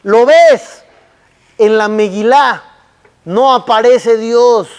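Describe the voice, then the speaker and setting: High-voiced rabbi preaching slowly. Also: male voice, clear, resonant tone, in a large hall. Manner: slow, emphatic teaching with rhetorical questions. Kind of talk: sermon.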